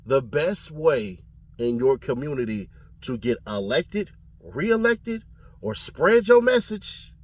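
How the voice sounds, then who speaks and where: A man from California giving casual commentary on his channel, animated and slangy, often laughing. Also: mid-range voice, slight background noise. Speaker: commentary vlogger.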